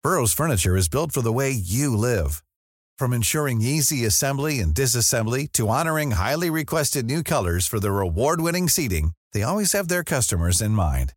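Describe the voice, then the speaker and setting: A man's voice: medium pitch, very animated, brisk, no room sound, clean studio sound. A man reading a scripted podcast ad in an upbeat way. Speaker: ad reader. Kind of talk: scripted ad read.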